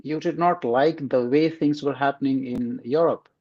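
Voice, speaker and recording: A man's voice: medium pitch, moderate pace. A man hosting an interview over a video call, talking in a friendly, rambling way with many fillers. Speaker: host. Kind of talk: casual interview. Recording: slightly dull lo-fi sound.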